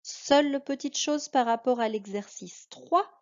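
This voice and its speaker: A woman with a French accent teaching a reading lesson to a child, speaking slowly and carefully. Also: sits high, a little mellow. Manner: slow, careful, addressing a child. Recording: dull lo-fi recording.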